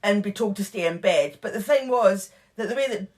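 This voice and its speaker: A woman's voice: mid-range voice, fairly quick, darkish tone. A woman co-hosting a true crime podcast, casually retelling case details with lots of fillers and asides. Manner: chatty, filler-heavy retelling of case notes. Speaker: podcast co-host.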